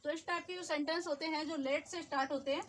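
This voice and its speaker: Woman teacher, high voice, patient step-by-step explaining, faint background noise. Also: fairly even intonation, a bit bright. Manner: explains step by step, repeats phrases slowly. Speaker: English teacher. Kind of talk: spoken English lesson.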